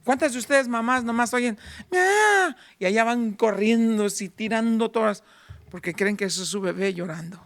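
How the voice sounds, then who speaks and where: A man in his fifties preaching a sermon in church, moving between fervent raised passages and hushed near-whispers. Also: high voice, steady tone, fairly quick, vocal fry, no room sound. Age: 50s. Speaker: pastor.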